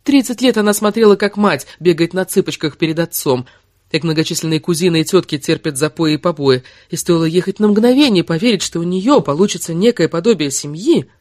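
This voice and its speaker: Expressive woman audiobook narrator. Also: lowish voice, brisk, dry recording, clean studio sound. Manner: expressive dramatic reading. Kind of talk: scripted narration.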